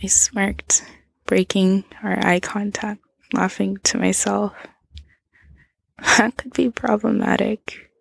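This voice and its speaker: Woman, whispered role-play narrator, unhurried, crackly fry, intimate. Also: medium pitch, flat delivery, no room sound. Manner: soft intimate whisper addressed to the listener.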